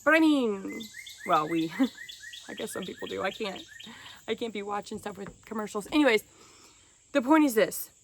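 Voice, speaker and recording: A woman's voice: mid-range voice, lively intonation, moderate pace, long pauses, slight background noise. A woman speaking earnestly to camera in a casual motivational vlog, conversational and often breaking into short laughs. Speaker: self-help vlogger.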